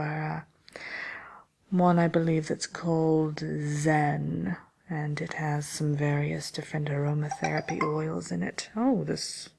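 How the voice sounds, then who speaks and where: A woman playing a vain, sinister, cynical witch in an ASMR roleplay, speaking haughtily and haltingly, sometimes dropping to a whisper. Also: fairly low pitch, vocal fry, darkish tone, exaggerated voice. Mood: relaxed, indulgent, then irritated. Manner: haughty, unhurried, halting, partly whispered delivery. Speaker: host answering listener questions. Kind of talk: ASMR character roleplay chat.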